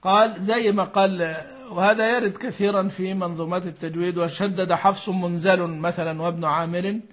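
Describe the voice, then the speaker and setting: High-voiced sheikh explaining recitation rules. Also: male voice, steady tone, fairly quick, a bit bright. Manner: explains patiently with questions to the class; mixes formal and colloquial speech. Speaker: sheikh teaching Quran recitation. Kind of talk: explanatory lesson on a classical text.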